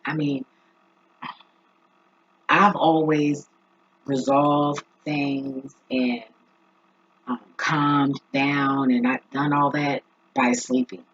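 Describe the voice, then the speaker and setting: Husky voiced vlogger just rambling thoughtfully, really slow and halting, kinda lo-fi audio. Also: mid-range voice, level tone, fairly bright tone. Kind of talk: casual reflective talk to viewers. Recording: dull lo-fi recording.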